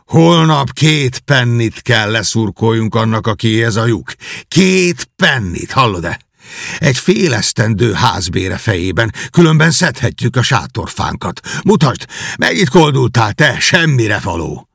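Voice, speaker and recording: A man voicing a coarse, brutal middle-aged beggar father who bullies and shouts. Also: medium pitch, big pitch swings, creaky, no echo, clean studio sound, exaggerated voice. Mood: angry. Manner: bullying, shouting.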